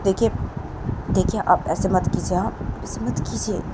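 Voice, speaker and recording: A woman voicing a protective mother who pleads and tries to calm others, repeating her requests. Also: medium pitch, a little slow, heavy background noise, lightly acted. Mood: pleading.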